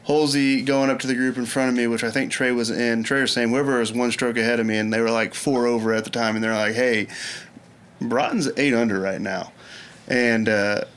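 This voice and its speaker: A man in casual chat, telling a long golf story with lively energy and frequent laughs. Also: medium pitch, a little fast, clear, resonant tone. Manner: animated storyteller, laughs often. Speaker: podcast guest telling golf stories.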